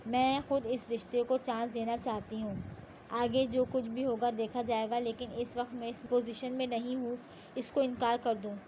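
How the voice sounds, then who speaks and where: Woman reading as a proud young woman, hot-tempered, sharp-tongued, audio novel figure, fairly high, level voice. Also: flat delivery, slight background noise, natural voice. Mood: resigned. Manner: sharp and indignant.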